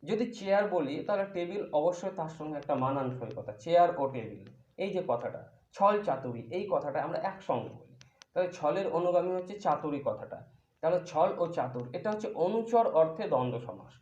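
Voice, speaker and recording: A man's voice: fairly high pitch, expressive, brisk, darkish tone. A man teaching a grammar lesson, patiently explaining each point step by step with examples. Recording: echoey room, dull lo-fi sound.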